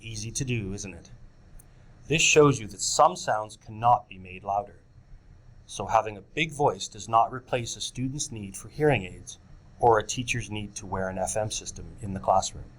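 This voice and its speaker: A man's voice: fairly low pitch, moderate pace, fairly bright tone. A man giving scripted instructional narration for teachers, speaking directly to them as folks. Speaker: presenter of a teacher training video.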